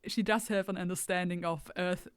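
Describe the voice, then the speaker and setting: A woman taking part as a player in a tabletop role-playing game, hesitant and soft-spoken. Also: fairly low pitch, fairly even intonation, moderate pace, clean tone, dry recording, clean studio sound. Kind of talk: casual tabletop game chat.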